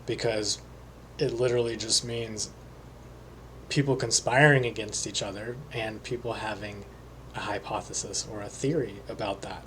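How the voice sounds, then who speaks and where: A man talking alone as a psychic reader, slowly and hesitantly, with many pauses and fillers. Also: lowish voice, fairly even intonation, a bit bright, a little hiss or hum. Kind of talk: solo monologue.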